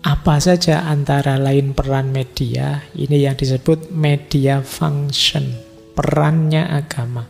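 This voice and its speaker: A middle-aged man gives a philosophy lecture slowly and casually, using everyday examples in a relaxed, conversational style. His voice is slightly high for a man yet dark and gravelly, recorded in a hall with long reverb and faint music underneath.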